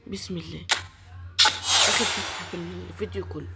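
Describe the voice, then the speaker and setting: A woman's voice: lowish voice, fairly even intonation, fairly quick, creaky, very noisy. A woman with an Egyptian accent giving live gameplay commentary, pleading and complaining about her luck as she opens each pack. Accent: Egyptian Arabic. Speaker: gaming YouTuber.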